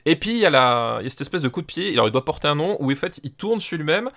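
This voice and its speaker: A man's voice: a little high, sing-song, rapid-fire, a bit bright. A man with a French accent on a podcast, enthusiastic, repeating words and stacking fillers as he talks. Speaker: podcast guest. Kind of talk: casual podcast chat.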